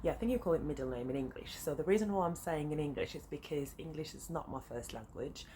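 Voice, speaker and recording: Speaking quickly in a low, warm voice, this French-accented sewing vlogger in her thirties, a native French speaker, chats to camera in English. Her talk wanders easily into side notes, heavy with "um"s and fillers. She's in a flat next to a busy road, and faint traffic can be heard behind her.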